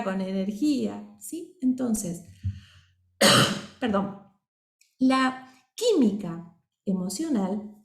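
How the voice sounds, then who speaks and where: A woman teaching a voice course, explaining patiently and often checking that her listeners are following. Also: a little high. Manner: keeps checking in with the audience; explanatory, acts out example voices. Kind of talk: course lecture. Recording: roomy reverberant sound.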